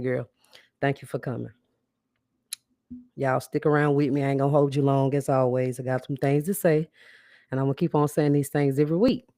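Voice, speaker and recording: A woman's voice: a bass voice, mellow, dry recording. Woman, podcast host, blunt, casual, talks straight to her audience, dry close sound. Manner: blunt, casual, addresses listeners directly as sis and baby; greets viewers and asks them to interact. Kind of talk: live-streamed podcast monologue.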